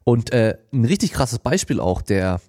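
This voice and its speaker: Young male podcast host, lively slangy delivery, dry close-mic sound. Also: medium pitch, moderate pace, no echo. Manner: animated, slangy storytelling, acts out quoted lines. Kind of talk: casual monologue. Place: home studio, seated. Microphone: podcast microphone.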